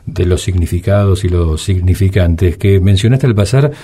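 A man hosting an interview and asking slow, measured questions. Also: low-pitched, dark tone, husky. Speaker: interview host.

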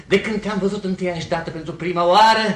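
A man's voice: sits high, fairly even intonation, slight background noise, natural voice. A man playing a pompous young lovesick suitor in a table reading of a stage comedy, bombastic and flowery, stumbling over fancy words. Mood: pleading.

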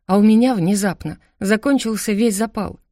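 A woman narrating a first-person audiobook story in a steady, reflective way into a close studio mic. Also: mid-range voice, moderate pace, no room sound.

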